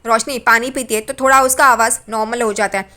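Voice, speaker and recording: High-voiced woman recapping a TV serial. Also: steady tone, a little fast, sharp tone. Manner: plain storytelling, repeats phrases like "yahan pe". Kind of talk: casual episode retelling.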